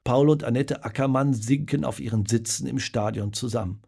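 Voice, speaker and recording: A man reading a children's story aloud, dramatic and lively in his storytelling. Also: medium pitch, normal speed, vocal fry, breathy edge. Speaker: narrator. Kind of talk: storybook narration.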